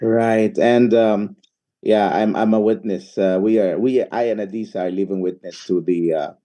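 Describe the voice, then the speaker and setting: Halting man with a dark voice. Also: fairly low pitch, fairly even intonation. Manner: halting, many uhs and repeated words. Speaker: interview host. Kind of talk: hesitant interview questions.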